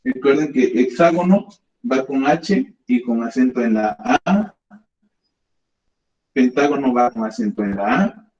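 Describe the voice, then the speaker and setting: A man's voice: mid-range voice, expressive, a little slow, long pauses, a little mellow. A man teaching a math class, patiently guiding students step by step. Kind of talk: classroom lesson. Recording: echoey classroom, dull lo-fi sound.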